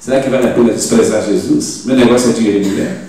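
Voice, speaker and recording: A man in his seventies with a Brazilian accent, preaching a sermon with emphatic loud rises and rhetorical questions. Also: fairly low pitch, steady tone, quick pace. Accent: Brazilian Portuguese. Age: 70s. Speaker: pastor. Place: church in Portugal. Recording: very echoey church hall, mic at a distance.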